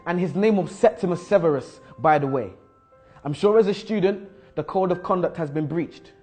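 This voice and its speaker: A man's voice: high voice, animated, moderate pace, darkish tone, faint music behind. A young man playing a bold, frustrated school student who challenges a teacher in rhyming, insistent spoken-word verse. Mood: frustrated, questioning. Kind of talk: spoken-word poetry monologue.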